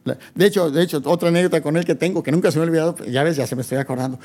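Older man, quick rambling reminiscer with a slightly high voice. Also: darkish tone. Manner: rambling storyteller, trails off and restarts. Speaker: guest, father of the host. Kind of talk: casual reminiscing chat.

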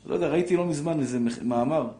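Male rabbi leading an emotional, lively class, slightly high voice, often questions the room. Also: a little hiss or hum. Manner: emotional, animated storyteller who questions the audience. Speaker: rabbi giving a Torah class. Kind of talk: lively religious lesson to a live audience.

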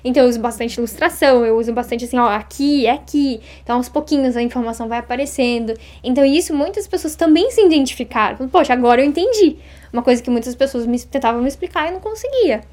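High, fast-talking woman guest. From Brazil. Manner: fast, lively talk that acts out little quoted exchanges. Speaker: interview guest, Japanese teacher. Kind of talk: casual interview chat.

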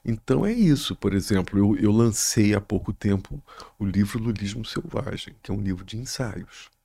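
A middle-aged writer and musician from Rio de Janeiro, Brazil, guests on a casual podcast, rambling, swearing, and repeating himself in a Carioca Brazilian Portuguese accent. His fairly low voice is animated, warm, husky, and gravelly at a moderate pace, with no echo.

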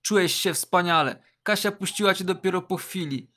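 Bright high-voiced male storyteller. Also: moderate pace. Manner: slangy, jokey, reads internet asides aloud. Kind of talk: casual second-person story narration.

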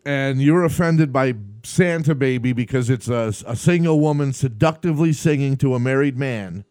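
A man hosting a casual live podcast, retelling stories with animated energy and frequent laughter. His voice sits in the middle range and is recorded dry and close. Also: medium pitch, moderate pace, clean tone, no echo. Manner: animated storytelling, laughs often. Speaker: podcast host.

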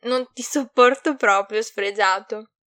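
A dazed, drunk teenage boy wizard, as a woman reader puts him on, slurring and rambling into a phone in a storybook reading. His voice sits fairly high and is delivered loudly. The sound is dry and close. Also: unhurried, dry recording. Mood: drunken.

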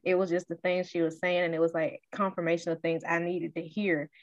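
A woman's voice: on the low side, little pitch movement, brisk, dull audio. A woman chatting about faith, telling a personal story and acting out her own reactions. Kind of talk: faith-based casual conversation.

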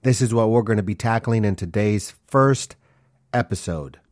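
A man in his forties, originally from Honduras and brought up in Minnesota, rambles earnestly through a casual solo episode of his own podcast, often using fillers and starting over. His pitch is fairly low, his speed normal, and there's no echo.

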